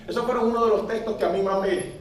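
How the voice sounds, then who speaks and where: A man's voice: high-pitched, steady tone, fast talker. A man preaching a sermon, getting the congregation to repeat phrases back to him. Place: large church hall. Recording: echoey church hall, mic at a distance.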